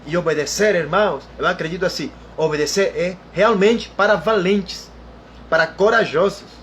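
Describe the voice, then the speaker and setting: A man with a rather high voice delivers a sermon, repeating key phrases and calling on his listeners as brothers. His emphatic preaching carries over a faint background ambience. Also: moderate pace, fairly bright tone, a little hiss or hum. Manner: repetitive, emphatic preaching with frequent "irmão" and "aleluia".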